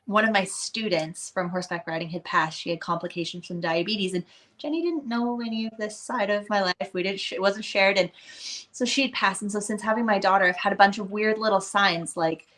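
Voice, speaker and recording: A woman's voice: medium pitch, fairly quick, fairly bright tone. Chatty reflective woman co-host. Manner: chatty and reflective, with many "like" fillers. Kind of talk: casual conversation.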